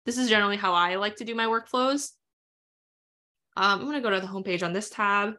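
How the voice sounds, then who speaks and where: A woman walks viewers through a software tutorial in a live webinar. Her voice is bright and forward, and she talks quickly in a casual, chatty way, filling pauses with ums and uhs. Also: medium pitch. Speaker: instructor leading a live webinar.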